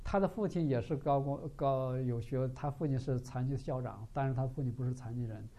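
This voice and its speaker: A man's voice: medium pitch, fairly quick. A man preaching a sermon, telling a story and often asking rhetorical questions. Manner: animated, frequent rhetorical questions.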